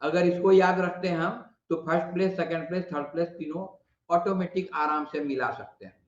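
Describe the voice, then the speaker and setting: A man with a Bihari Hindi accent teaching a shorthand lesson, patiently repeating vowel sounds and explaining slowly. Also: fairly high pitch, steady tone. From India. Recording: muffled, echoey room.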